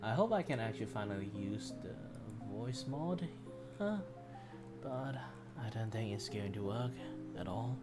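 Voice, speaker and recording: Background music runs under a man's lowish, animated voice as he talks a little slowly. A streamer and commission artist, he chats casually and rambles self-deprecatingly on his livestream, his voice wearing out.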